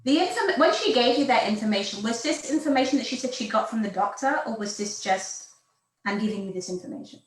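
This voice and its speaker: A woman hosting an interview, asking her guest measured, probing questions. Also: on the high side, expressive. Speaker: host. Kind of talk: interview conversation. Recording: roomy echoing room.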